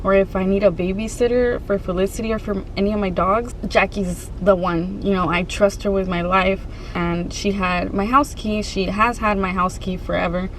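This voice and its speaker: A woman vlogger telling a personal story to her viewers in a casual, conversational way, pausing and restarting as she goes. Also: medium pitch, fairly even intonation, slight background noise, low-quality recording.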